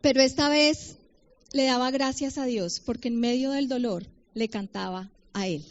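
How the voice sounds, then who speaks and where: A middle-aged Colombian woman giving a personal testimony sermon to a women's gathering, with humor between slow readings of scripture. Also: high-pitched, a little hiss or hum. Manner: personal testimony with humor, reads Bible verses slowly. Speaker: women's ministry speaker. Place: conference hall. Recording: dull lo-fi event recording.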